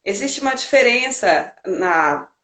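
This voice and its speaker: A woman's voice: on the high side, expressive, slow, fairly bright tone, echoey room. A woman interviewer asking probing questions in a conversational way.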